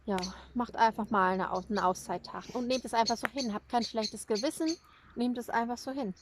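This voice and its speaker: A woman talks calmly and gently in a relaxed fireside chat, giving advice with small pauses and fillers. Her voice sits a little high. Clear outdoor noise runs behind her by the campfire. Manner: calm, gently advising, with fillers. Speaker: card reader and coach, co-host.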